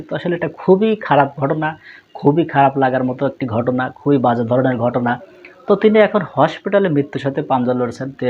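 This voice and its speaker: A man with a mid-pitched voice hosts a news commentary video, addressing viewers directly. The sound is a bit dull, with faint noise behind him. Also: a little mellow. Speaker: video host. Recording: slightly muffled, faint background noise.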